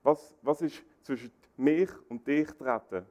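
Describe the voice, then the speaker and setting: A man preaching a sermon, animated, acting out quoted dialogue. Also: a little slow. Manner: animated, acts out quoted dialogue with rising pitch.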